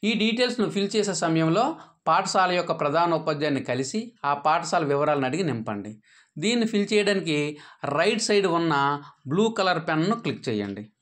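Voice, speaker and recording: A man gives a patient, step-by-step tutorial on an app, pausing on "aa" fillers and dropping his voice at the end of each sentence. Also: sing-song, a bit bright. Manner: patient, instructive, with frequent "aa" fillers; drops pitch at sentence ends. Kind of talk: step-by-step screen tutorial narration.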